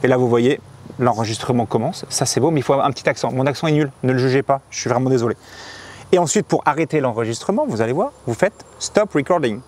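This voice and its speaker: A fast-talking man with a medium-pitched voice shows off a camera in a laid-back demo vlog. As a motorcycle vlogger, he addresses his audience directly, chatty, energetic, and full of slang.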